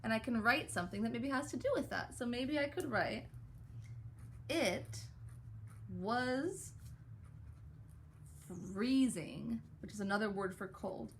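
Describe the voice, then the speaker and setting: Gently encouraging a group of young kids, a young woman with a fairly high voice leads a writing lesson, sounding words out slowly. There's slight background noise.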